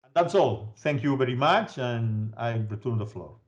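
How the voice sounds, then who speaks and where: A man with an average-pitched voice speaks as a webinar presenter. His academic explanations come in halting pieces, with words often repeated as he goes. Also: animated.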